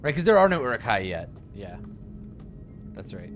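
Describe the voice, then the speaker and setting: A man's voice: fairly low pitch, sing-song, normal speed. A man giving casual, goofy and irreverent commentary while streaming a video game. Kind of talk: casual, joking gameplay commentary. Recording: game music behind the voice.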